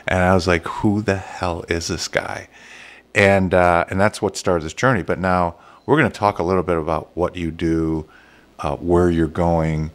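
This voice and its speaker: Host, male, very low voice, loose rambling delivery with fillers. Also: level tone, moderate pace. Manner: rambling, many fillers and restarts. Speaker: show host. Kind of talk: casual interview chat. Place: Las Vegas.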